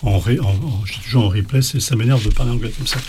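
A man's voice: mid-range voice, quick pace, noisy background. Hesitant man teaching a lesson. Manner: hesitant, many fillers and restarts. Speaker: language teacher. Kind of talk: casual spoken lesson.

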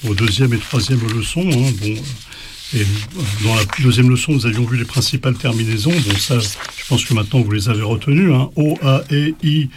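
A man's voice: medium pitch, fairly quick, background noise. A man teaching an informal spoken language lesson, hesitant, with many fillers and restarts.

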